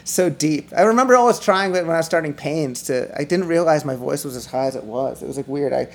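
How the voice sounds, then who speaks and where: A middle-aged musician, appearing as a guest on a podcast, chats casually and rambles, restarting sentences, using lots of fillers, and laughing often. He talks a little fast in a high, slightly whiny voice, which he himself describes as high and whiny.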